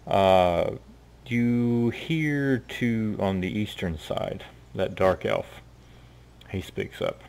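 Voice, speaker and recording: A man narrating as game master of a tabletop game in a relaxed, hesitant way, with many fillers. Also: on the low side, very slow, gravelly, clean tone.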